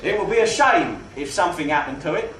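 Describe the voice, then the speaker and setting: A man playing a mock-genteel, faintly menacing gangster compère, delivering comic stage patter with grand words and drawn-out emphasis. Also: on the high side, animated, fairly bright tone. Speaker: burlesque show compère in comedy double act. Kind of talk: live comedy patter addressed to audience. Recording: roomy live venue, distant mic, faint noise.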